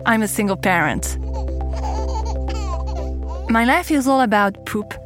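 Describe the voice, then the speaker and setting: A woman's voice: fairly high pitch, lively intonation, slow pace, over music. A woman in her thirties with a French accent, host of a podcast, telling her own story in candid scripted narration. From France. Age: 30s.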